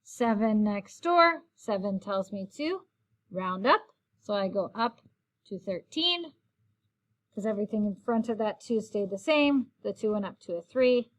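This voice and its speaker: A woman's voice: medium pitch, expressive, measured pace. A woman teacher walking through a recorded math lesson, explaining each step in a friendly, patient way.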